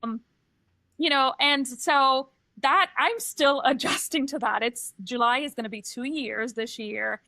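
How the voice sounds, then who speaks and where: A middle-aged woman who grew up in Trinidad and Tobago talks through her life story on a podcast, candid and reflective. Her voice is bright and sits a little high. The sound is dry and close, with no room around it. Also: unhurried, dry recording. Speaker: podcast co-host, transition coach. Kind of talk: casual podcast chat.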